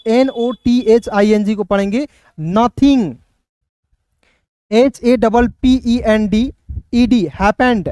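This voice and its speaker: A man with a Hindi accent teaching English phonics, spelling words letter by letter and sounding them out slowly. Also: very high-pitched, a little mellow, no room sound, studio quality. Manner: slow, repeats words, checks with listeners.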